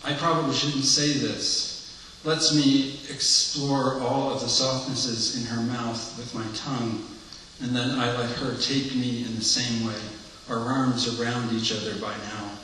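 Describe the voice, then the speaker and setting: A man's voice: mid-range voice, flat delivery, measured pace, bright, forceful tone, a little hiss or hum. A man reading the part of an earnest blind man confiding his past to a priest, in a candid, reflective monologue, heard in an echoey hall from far off.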